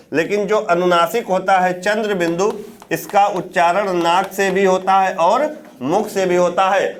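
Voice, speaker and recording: A man with a fairly high voice teaches a grammar class. He poses questions to his students and answers them himself. He drags out example words to show how they sound. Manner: demonstrates sounds by repeating words slowly. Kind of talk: classroom lecture on Hindi grammar.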